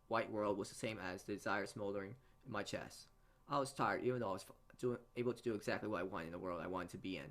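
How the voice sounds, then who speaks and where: Reading a visual novel aloud for a let's play, a man with a lowish, fairly bright voice stumbles over words, rereads phrases and tosses in side comments. Game music plays in the background of the recording.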